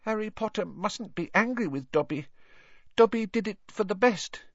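A squeaky, nervous house-elf, way up high and full of jumpy swings in pitch. He begs and frets in a servile, breathy way. The sound is dull and dry, like a muffled audiobook booth. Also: animated, moderate pace, no room sound. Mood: pleading. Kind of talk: audiobook reading.

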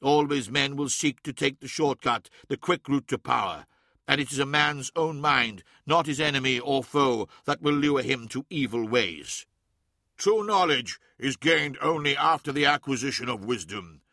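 A man's voice: mid-range voice, moderate pace, sharp tone, no echo, studio quality. A man voicing an all-powerful godlike emperor who speaks in grave, commanding proclamations. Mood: solemn.

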